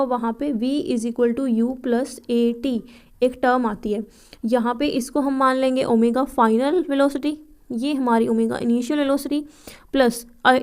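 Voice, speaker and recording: A young woman tutoring physics problems step by step, reading the question text slowly and asking herself "what next?" before each answer. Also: high-pitched, darkish tone, clean tone. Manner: repeats checks like "ठीक है" and asks herself questions before answering; reads English question text slowly, word by word. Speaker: physics tutor for nursing entrance exams. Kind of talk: explaining exam problems step by step.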